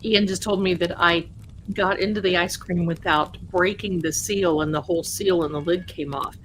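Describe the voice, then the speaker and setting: A woman with a slightly low voice hosts a live ghost-talking stream over background noise. She chats casually to spirits and viewers alike. Her delivery rambles and halts, with words and phrases often repeated. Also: fairly even intonation, moderate pace, rough recording. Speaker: livestream host of a spirit communication session.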